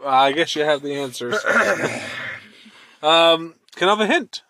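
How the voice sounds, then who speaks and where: A man's voice: fairly high pitch, lively intonation, unhurried, bright, forceful tone, no echo. A man guessing answers in casual podcast banter, joking and mocking himself. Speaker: podcast co-host.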